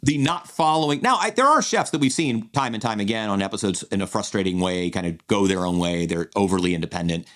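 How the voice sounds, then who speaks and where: A man's voice: on the low side, animated, quick pace, few pauses, fairly bright tone. A man co-hosting a podcast, chatting casually through a draft analysis with lots of restarts. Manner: rambling, many restarts and fillers. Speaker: podcast co-host.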